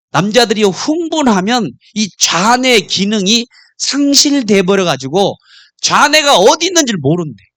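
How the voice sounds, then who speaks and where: A man preaching a sermon as pastor, telling stories in an animated way and acting out couples' quarrels. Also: high-pitched, no room sound, clean studio sound.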